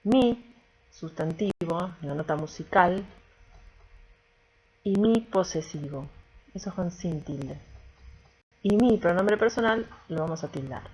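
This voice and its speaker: A woman teacher walks through a grammar lesson with a low, slightly husky voice. She explains patiently, point by point, and often checks in to make sure the class is following. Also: a little mellow, poor audio.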